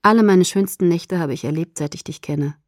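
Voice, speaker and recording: A woman reading the lines of a gloomy, tender young male vampire lover in an audiobook, in a lower, hushed voice. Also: fairly quick, no room sound, clean studio sound, lightly acted. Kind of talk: audiobook character voice.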